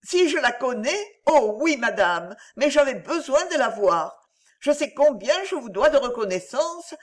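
A woman reading an audiobook, voicing a tearful, earnest young woman who pleads in a high, breathless voice. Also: big pitch swings, measured pace. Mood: tearful pleading.

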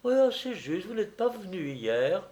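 Un homme faisant une petite campagnarde nonchalante, voix aiguë et franche. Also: male voice, high-pitched, very animated, measured pace, darkish tone, voice pushed up. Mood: offhand. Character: young woman, simple baker's girl, offhand. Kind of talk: audiobook reading.

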